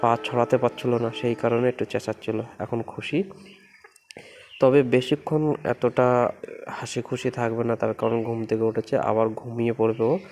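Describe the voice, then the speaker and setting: A man with a mellow, slightly gravelly voice talks softly into a phone camera at home, narrating his baby's play in a relaxed, repetitive way. A faint room hiss sits under his voice. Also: mid-range voice. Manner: gentle, repetitive running commentary, coos to the baby. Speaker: vlogger filming his baby. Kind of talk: casual vlog narration.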